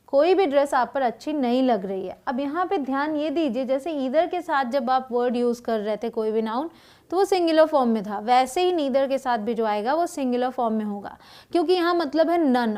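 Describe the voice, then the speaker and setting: A woman teaching an English grammar lesson, reading example sentences slowly and deliberately and checking in with quick asides to her students. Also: high-pitched, expressive, mellow.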